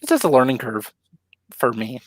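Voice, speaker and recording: A man co-hosting a casual live stream, relaxed and laughing easily, with plenty of ums. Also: medium pitch, normal speed, no echo. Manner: laid-back, laughs often, many ums. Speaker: co-host of a live ocean talk stream.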